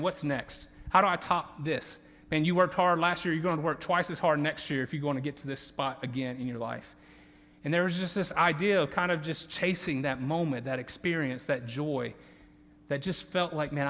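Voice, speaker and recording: A fairly high-pitched, somewhat bright male voice at a moderate pace belongs to a Louisiana campus pastor in his thirties with a Southern accent. His sermon is earnest and conversational, full of restarts. The long reverb of a large church hall surrounds him in the auditorium.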